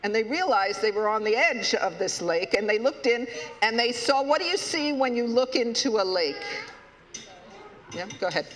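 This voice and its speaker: A man leading a children's story time at a worship service, playful and halting, stopping to ask the children questions. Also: very high voice, expressive, a bit bright. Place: church sanctuary. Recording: echoey hall.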